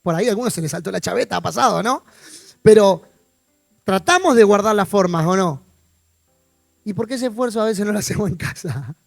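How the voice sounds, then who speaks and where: A man with a Rioplatense accent preaches in a loose, chatty sermon, tossing questions and jokes to his congregation. His voice sits very high for a man and sounds dry and close. Faint music plays softly behind him. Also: animated, fairly quick, creaky, pauses often, no room sound. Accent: Rioplatense Spanish. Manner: informal, asks the congregation questions, joking asides. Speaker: pastor. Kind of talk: conversational sermon. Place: church.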